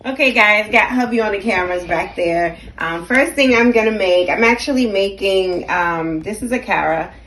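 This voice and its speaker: A middle-aged woman from Jamaica chats candidly to her viewers in a relaxed cooking vlog. Her voice is bright and forward, sitting in a middle pitch, and she laughs easily between thoughts. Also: moderate pace, hardly any pauses. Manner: chatty and candid, laughs often. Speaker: vlogger, channel host. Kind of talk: casual cooking vlog chat.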